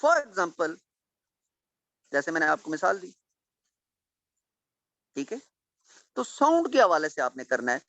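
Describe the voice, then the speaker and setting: Male teacher, classroom lecture, animated delivery, dull lo-fi dry recording. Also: on the high side, slow, vocal fry, pauses often, dry recording. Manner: explains patiently, repeating key points. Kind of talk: classroom lecture with questions to students.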